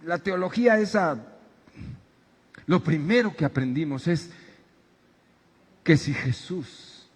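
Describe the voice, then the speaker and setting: High-voiced preaching man, echoing hall. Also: slow pace, long pauses, husky. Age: middle-aged. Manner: animated preaching, shouting dramatic quotes. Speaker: pastor. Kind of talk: sermon. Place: church auditorium.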